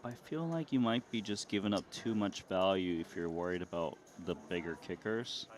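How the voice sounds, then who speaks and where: Low-pitched man analyzing poker hands. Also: moderate pace, a little hiss or hum. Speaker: poker commentator. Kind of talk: analytical live poker commentary.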